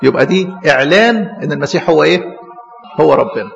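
A man's voice: on the high side, fast talker, vocal fry, faint music behind. A man preaching a Bible sermon in Egyptian Arabic, putting questions to the congregation and answering them himself. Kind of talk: call-and-response Bible sermon. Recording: muffled hall recording with long echo.

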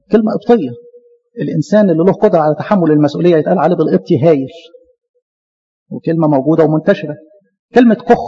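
A man with an Egyptian Arabic accent giving a lively church lecture, talking to his listeners as his beloved. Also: high-pitched, breathy edge, big-room sound, lo-fi sound. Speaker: Coptic church speaker.

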